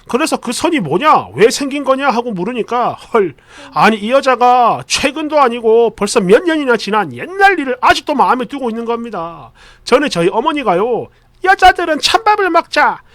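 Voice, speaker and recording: A man's voice: very high voice, sing-song, normal speed, a bit bright, dry recording. A man hosting a channel, reading an online post aloud and dropping wry asides. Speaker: host reading viewer stories.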